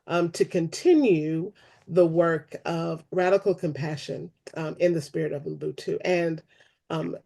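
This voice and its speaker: A woman hosting a church discussion, speaking unscripted closing remarks in an earnest, appreciative and measured manner. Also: deep voice, gravelly, a little mellow, slightly rough. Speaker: host of a church webinar.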